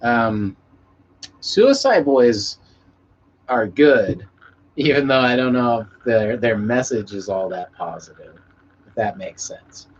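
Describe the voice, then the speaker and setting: A musician hosts a casual live stream, chatting with viewers in a laid-back, rambling way and swearing freely. His medium-pitched voice is husky and expressive, and he takes it slowly with frequent pauses. The stream audio is muffled and lo-fi, with background noise.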